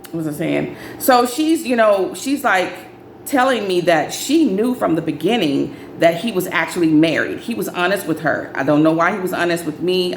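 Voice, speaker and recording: Lively woman telling a storytime tale. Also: a little hiss or hum. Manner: animated, acts out friends' lines in higher voices. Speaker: storyteller vlogger. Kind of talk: casual storytime vlog. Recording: echoey room with faint ambience.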